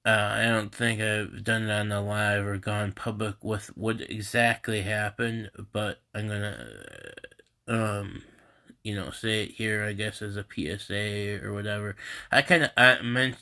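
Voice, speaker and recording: A man with a lowish voice that still sounds bright and forward, stuffed up and congested. He talks slowly in a halting, rambling way, with a lot of restarts. It is a casual live stream recorded on a phone at home. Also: steady tone. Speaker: host of a live group stream. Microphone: phone camera.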